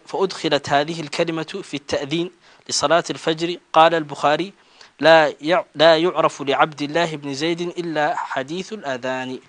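Reading religious texts aloud for his teacher, a man keeps a measured recitation that rises in volume on the chanted call-to-prayer lines. His voice is a little high, and the recording carries no room sound.

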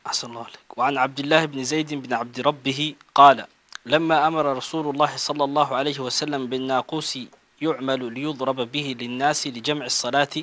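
A man reading religious texts aloud to his teacher in a measured recitation, getting louder on the chanted call-to-prayer phrases. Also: a little high.

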